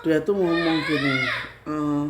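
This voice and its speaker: Low-voiced Javanese woman telling a story. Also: measured pace, heavy background noise. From Central Java, Indonesia. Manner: animated, repetitive storytelling. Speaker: spiritual healer vlogger. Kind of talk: casual storytelling vlog.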